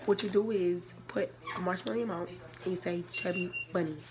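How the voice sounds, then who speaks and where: A woman's voice: lowish voice, fairly even intonation, fast talker. A young woman hosting her vlog in a casual, conversational way. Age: young adult. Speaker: vlogger, channel host. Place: small office-like room, indoors. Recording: faint room noise, casual camera audio.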